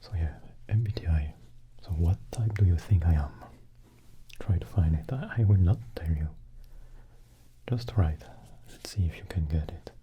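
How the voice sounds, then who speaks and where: A man on his ASMR channel speaks haltingly and slowly to viewers, largely in a gentle unvoiced whisper that wanders close to and away from the microphone, which is placed near him. His voice is low-pitched, and the muffled recording carries a little hiss or hum.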